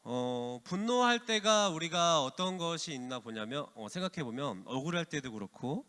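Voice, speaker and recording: Lively male youth pastor in hall. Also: on the high side, normal speed. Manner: lively, addresses teens by name. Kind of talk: youth sermon with quiz. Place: church hall. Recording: long hall reverb.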